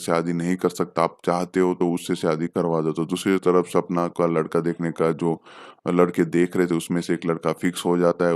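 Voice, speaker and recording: A man with a low, smooth voice talks through a film's story in a relaxed, off-the-cuff recap. He keeps a steady, level tone, pausing on fillers and correcting himself as he goes, recorded close and dry. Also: no echo. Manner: unscripted, with hesitant fillers and self-corrections. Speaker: film reviewer. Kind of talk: casual film plot recap.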